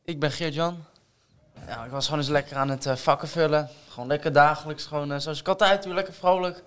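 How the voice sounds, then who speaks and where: A man's voice: fairly high pitch, steady tone, fast talker, fairly bright tone, clear, resonant tone. A young man, a student presenter, introducing classmates and casually telling a story from his internship.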